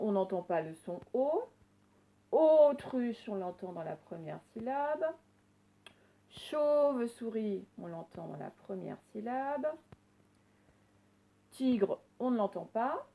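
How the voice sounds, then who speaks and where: A woman teacher recording a reading lesson for young children, slowly sounding out words and giving gentle instructions. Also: mid-range voice, creaky, rough recording. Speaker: primary school teacher.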